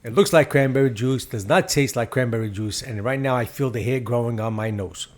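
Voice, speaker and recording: A middle-aged man, the host's father, chatting as a guest with a jokey, slightly stiff, deliberate way of talking. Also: mid-range voice. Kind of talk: casual chat.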